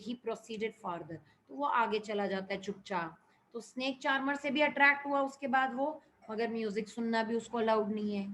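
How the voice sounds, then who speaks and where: A woman's voice: a little high, slight background noise, poor audio. A woman teacher reading a story aloud in English and explaining it line by line in Hindi. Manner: reads English lines slowly, then explains in Hindi.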